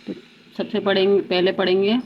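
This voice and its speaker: A woman teaching Quran recitation with tajweed, chanting each word slowly and then explaining quickly. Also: mid-range voice, completely flat delivery. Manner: slow drawn-out recitation, then rapid explanations. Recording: dull lo-fi sound with faint noise.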